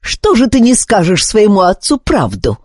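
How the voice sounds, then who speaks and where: A woman's voice: lowish voice, huge pitch swings, normal speed, warm tone, slightly rough, no room sound, studio quality, full character voice. A woman reading the part of a mocking male commander who taunts a boy prisoner. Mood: taunting. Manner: taunting, sneering.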